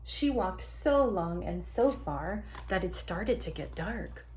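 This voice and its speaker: A female teacher reads a picture book to young children in an animated style, stretching out the sound words and inviting the kids to join in. Her voice is lowish and she takes her time, with some background noise in the clip.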